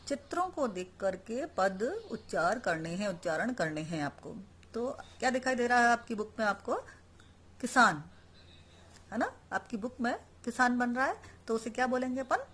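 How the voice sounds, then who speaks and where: A woman's voice: fairly high pitch, a bit bright, breathy edge. A woman teaching a Sanskrit lesson online, explaining each word and then repeating it, asking the class questions and answering them herself.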